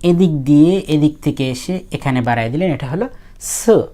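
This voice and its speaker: Low-voiced woman teaching handwriting. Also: lively intonation, moderate pace, mellow. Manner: casual and conversational, thinks aloud with fillers. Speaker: language teacher. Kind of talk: explaining how to write characters.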